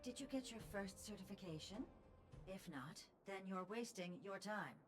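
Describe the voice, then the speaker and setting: An actress voicing a surly robot in a game that quizzes travelers in a bored, dismissive way. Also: female voice, mid-range voice, moderate pace, lightly acted. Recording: game dialogue over music.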